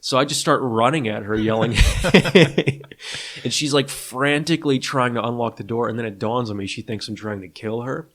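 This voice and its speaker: A man's voice: medium pitch, steady tone, brisk, hardly any pauses, fairly bright tone. A man in his thirties co-hosting a casual podcast, telling rambling stories with frequent laughs. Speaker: podcast co-host.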